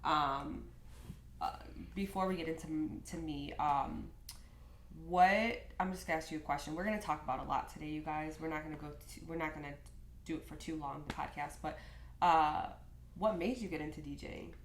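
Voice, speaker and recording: A woman's voice: low-pitched, moderate pace. A woman from Michigan hosting a casual podcast chat, her nose stuffy and nasal from a sinus infection, talking with lots of ums. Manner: chatty, many ums. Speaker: podcast host. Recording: echoey room, faint noise.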